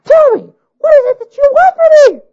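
A man voicing a shrill, frantic young bride who screeches and pleads in a storybook reading. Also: big pitch swings, fairly quick. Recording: dull lo-fi recording.

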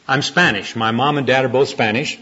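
A man born in the United States preaching a sermon at a church gathering. He tells stories in a folksy way, then turns to gentle, earnest prayer. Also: mid-range voice, fairly even intonation, brisk, breathy edge. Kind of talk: sermon with storytelling. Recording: dull lo-fi recording.

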